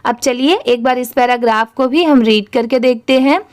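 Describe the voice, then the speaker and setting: A young woman teaching English reading, spelling each word out letter by letter slowly and clearly. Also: fairly high pitch, darkish tone.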